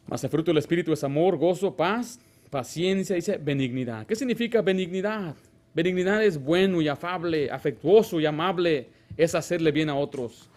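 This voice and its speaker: Man, pastor, lively sermon delivery, rhetorical questions, somewhat high-pitched. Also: moderate pace. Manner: animated preaching, rhetorical questions to the congregation; acts out short dialogues in a raised voice. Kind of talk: Baptist sermon.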